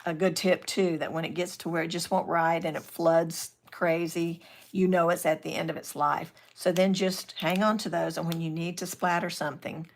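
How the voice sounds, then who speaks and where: A woman's voice: on the low side, steady tone, normal speed, gravelly, few pauses. An older woman hosting a live craft session, chatting casually as she works and answering viewer comments. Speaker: craft channel host.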